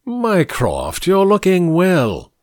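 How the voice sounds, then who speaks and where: A sharp-witted detective speaks in brisk, clipped phrases, as a male audiobook reader voices him. The tone is cool and dry, with lively rises and falls. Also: high-pitched, no room sound, voice pushed up, exaggerated voice. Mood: cool, terse. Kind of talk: audiobook character voice.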